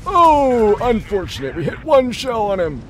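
A man doing an excitable old tank gamer in a strained high put-on voice, coaching viewers and exclaiming loudly during live-stream gameplay commentary. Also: measured pace, full character voice. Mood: excited.

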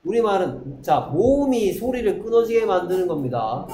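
A man teaching an English class, drilling pronunciation and quizzing students with quick rhetorical questions. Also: high voice, very animated, dark tone, soft background music. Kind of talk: classroom lecture. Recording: echoey classroom, faint noise.

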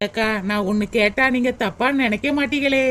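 A woman voicing a cheeky fast-talking village daughter-in-law. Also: on the high side, heavy background noise, lightly acted. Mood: pleading. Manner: cheeky, whiny, talks back.

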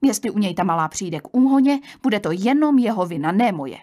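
A woman reading an audiobook, voicing a curt, hurried young aunt who brushes off questions. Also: medium pitch, animated, mellow, natural voice. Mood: curt, impatient. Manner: brusque, dismissive. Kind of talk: audiobook character voice.

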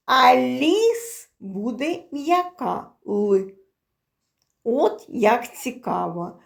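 A woman's voice: on the high side, vocal fry, darkish tone. A woman teaching preschool children a phonics lesson, speaking in an exaggerated sing-song way.

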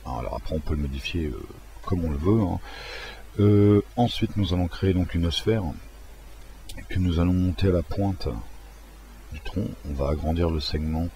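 A man walking through a software tutorial in a casual, hesitant way, with many fillers and restarts. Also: low-pitched, normal speed, pauses often, a little hiss or hum. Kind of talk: casual screen-recorded tutorial.

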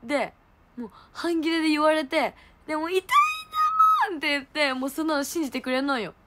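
A young woman, hosting a livestream and telling a story in animated casual chat. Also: sits high, fast, very noisy. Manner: animated storytelling, laughing, exclaiming. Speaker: idol livestream host.

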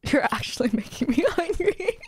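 High-voiced playful woman streamer. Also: very animated, moderate pace, a little mellow, a little hiss or hum. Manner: playful, teasing, laughs often. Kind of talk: casual chat on a gaming stream.

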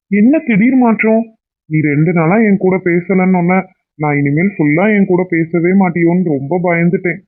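A man voicing a young cartoon husband who pleads and makes up with his wife in an affectionate way. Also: high voice. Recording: tinny phone-like sound.

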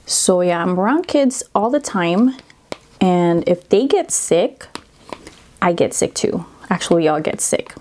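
A woman with a low, mellow voice chats casually between mouthfuls, pausing to murmur over the food. She is just getting over a cold, and her voice sits close to the mic. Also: animated, slight background noise. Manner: chatty, talks between bites with satisfied murmurs. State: recovering from a cold, slightly congested. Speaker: mukbang YouTuber. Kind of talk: casual talk while eating on camera.

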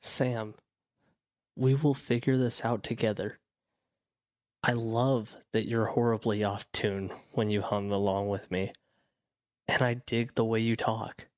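A man voicing Logic, a devoted, witty partner in an audio drama, gentle and reassuring. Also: on the low side, flat delivery, slow pace, long pauses, no echo, clean studio sound. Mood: tender.

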